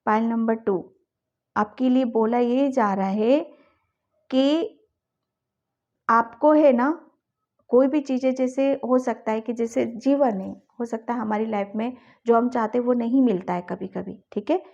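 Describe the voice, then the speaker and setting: A woman reads tarot cards for her viewers in an unhurried, coaxing voice, pitched a little high. She keeps urging them on and checks in after each point. The sound is slightly dull, like a home video recording. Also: darkish tone. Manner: coaxing and encouraging, with a repeated ठीक है at the ends of thoughts. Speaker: tarot reader. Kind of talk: addressing viewers in a tarot reading.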